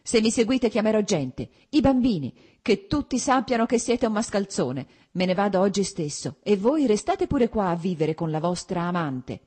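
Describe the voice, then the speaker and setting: A woman voicing a wounded, betrayed wife who lashes out at her husband in shrill, bitter, pleading outbursts. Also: expressive, normal speed, few pauses, mellow, husky. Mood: threatening.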